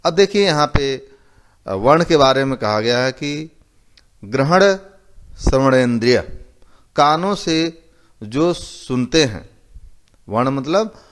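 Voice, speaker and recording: A male teacher giving a slow, methodical lecture, repeating each term and explaining it with simple examples. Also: medium pitch. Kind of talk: recorded classroom lecture.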